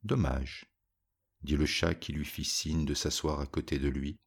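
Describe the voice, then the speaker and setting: A man reading a storybook aloud in an even, measured way. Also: a bass voice. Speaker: narrator.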